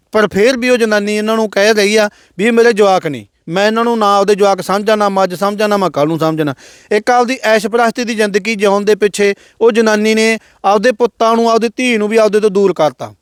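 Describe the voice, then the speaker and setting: A man's voice: high voice, steady tone, a little fast, clean tone, dry recording, clean studio sound. A man with a Malwa Punjabi accent interviewing a guest, moralizing in his commentary. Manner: moralizing, frequent "hmm" backchannels.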